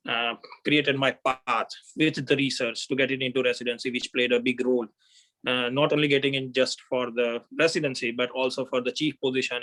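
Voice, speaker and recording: A man speaks steadily on an online panel. His voice is bright and forward but keeps an almost flat pitch. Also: rough recording. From India. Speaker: incoming chief resident.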